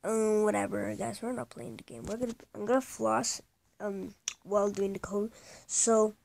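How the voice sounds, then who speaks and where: A woman's voice: mid-range voice, fairly even intonation, normal speed, creaky. A woman hosting a casual gaming video, rambling with lots of hesitant ums as she talks through the game. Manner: hushed at times so as not to wake someone. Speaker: gaming channel host.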